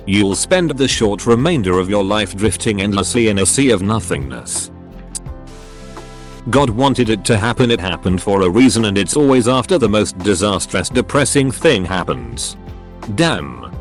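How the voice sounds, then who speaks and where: A man with a fairly low voice reads forum posts aloud as scripted narration, his pitch swinging widely from line to line. He reads abbreviations and punctuation marks out literally. Faint music plays underneath. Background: faint background music.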